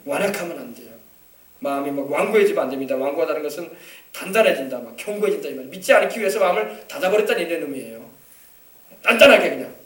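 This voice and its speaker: A man's voice: a little high, lively intonation, fast talker, fairly bright tone, far from the mic. A male pastor preaching a sermon, asking his congregation questions and urging them on. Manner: preaching with call-and-response questions. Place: church sanctuary. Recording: echoey church from off-mic.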